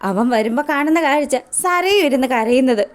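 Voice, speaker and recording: A woman retelling a TV serial episode in a chatty, animated storytelling style. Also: high voice, moderate pace. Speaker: serial recap narrator. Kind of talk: casual storytelling recap.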